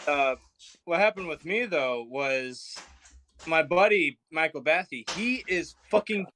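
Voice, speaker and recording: A man's voice: fairly high pitch, expressive, unhurried, sharp tone, slight background noise. A man telling a story on a casual podcast, rambling and swearing heavily. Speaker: podcast guest. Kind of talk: casual chat.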